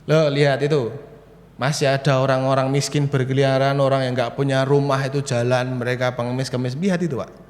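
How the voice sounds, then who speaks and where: A preacher voicing a chatty, argumentative male barber, higher and louder than his own voice. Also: little pitch movement, brisk, lightly acted. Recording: reverberant church hall.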